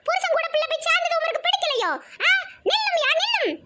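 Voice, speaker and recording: A woman voicing a brisk, chiding village mother in a cartoon, with a Tirunelveli Tamil accent. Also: very high voice, animated, heavy background noise. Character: middle-aged village mother, brisk and homely.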